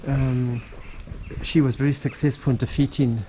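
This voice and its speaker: A man narrating a casual travel vlog in a halting, rambling way, with plenty of ums. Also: mid-range voice, little pitch movement, a crowd in the background. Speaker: travel vlogger.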